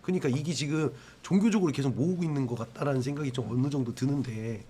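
A man's voice: medium pitch, fast, mellow, a little hiss or hum. A man hosting a ghost investigation in a casual, joking, informal way with questions and commentary.

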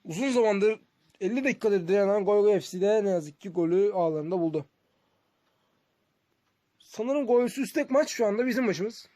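A man's voice: sits high, lively intonation, moderate pace, pauses often, mellow, no room sound. A man giving casual, conversational game commentary to his viewers as a streamer. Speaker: gaming streamer.

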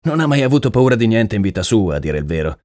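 A man's voice: on the low side, big pitch swings, fast, darkish tone, no echo, studio quality. A man voicing an earnest, uneasy male horse trainer in an audiobook, talking plainly and deferentially. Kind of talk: audiobook character reading.

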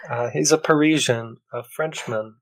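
A man's voice: mid-range voice, unhurried, poor audio. A young man co-hosting a casual gaming podcast, upbeat and enthusiastic with hesitant ums. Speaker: podcast co-host.

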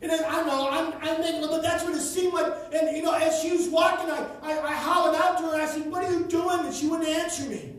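A man preaching a sermon, telling a story with rising passion until he shouts. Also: extremely high pitch, fairly even intonation, quick pace, few pauses. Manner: impassioned, builds to shouting. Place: church sanctuary. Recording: echoey church from far off.

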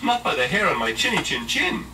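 A man voicing a small, polite male pig in a read-aloud storybook, in a high, pleading voice. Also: a little fast. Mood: defiant. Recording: distant mic with steady background noise.

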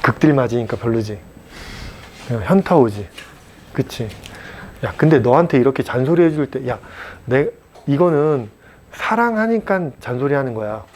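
A man teaching a math class at a cram school, blunt and chatty, joking and mock-scolding his students and checking in with quick questions. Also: medium pitch, lively intonation, darkish tone, a little hiss or hum. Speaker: math tutor.

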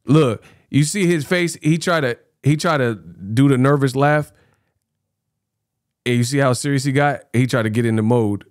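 A man in his thirties gives casual, teasing commentary as a reaction host. His mid-pitched voice sits close on the mic in a dry home studio, and he likes to repeat phrases. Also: normal speed, no room sound. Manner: colloquial, teasing, repeats himself. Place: small home studio, indoors. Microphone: close microphone on a stand.

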